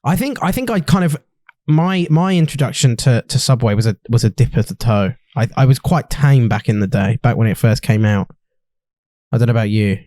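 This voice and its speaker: Teasing young man, mellow and dry. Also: medium pitch, lively intonation, brisk, no room sound. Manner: teasing, sweary banter. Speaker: podcast co-host. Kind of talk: casual chat.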